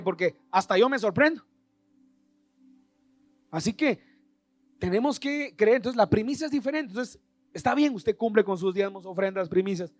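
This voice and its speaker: Pastor guy preaching sunday sermon, high voice, dry sound, soft music under it. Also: no room sound. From Guatemala. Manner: preaching to a congregation, calling for repetition.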